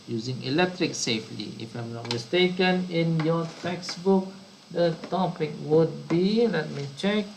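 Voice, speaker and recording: A man's voice: fairly high pitch, gravelly, a little hiss or hum, low-quality recording. A man teaching a science lesson to children, often repeating and rephrasing his words. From Brunei. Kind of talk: slow online science lesson.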